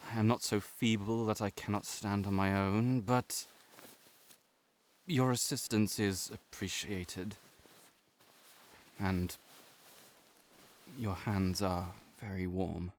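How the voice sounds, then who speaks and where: In an intimate audio roleplay, a man with a fairly low, steady voice plays a sickly, proud, melancholy nobleman, speaking formally in measured, old-fashioned phrasing. He sounds frail yet politely proud, with slight background noise in the recording.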